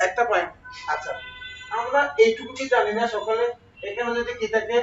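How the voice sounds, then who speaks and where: A man gives a classroom grammar lesson in a high voice, often putting questions to the class and answering them himself. He is recorded from a distance in a roomy space. The sound is dull and lo-fi, with a faint hiss behind him. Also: fairly quick, a bit bright. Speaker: exam prep teacher.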